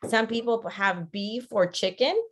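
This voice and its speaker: A Costa Rican teacher educator with a fairly high voice leads an interactive webinar at a moderate pace. She keeps the lecture conversational and checks in with her audience often.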